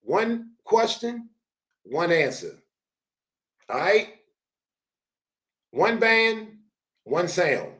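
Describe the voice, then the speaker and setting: A man hosting a show, reacting to a clip with animated, slangy, preachy advice. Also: high voice, very slow, long pauses. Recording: roomy echo.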